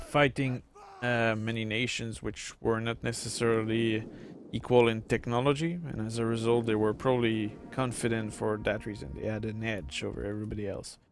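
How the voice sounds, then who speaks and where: There's a little hiss or hum behind this man's lowish voice. A middle-aged francophone from Quebec, Canada, he streams gameplay and talks through a strategy game in a French Canadian accent, casual, rambling and filler-heavy.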